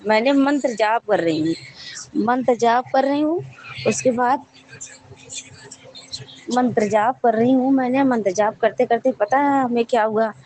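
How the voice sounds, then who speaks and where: A woman's voice: on the high side, measured pace, long pauses, a little mellow, slight background noise, rough recording. A woman sharing a devotional testimony with a congregation, telling her story in a rambling, repetitive way with frequent restarts.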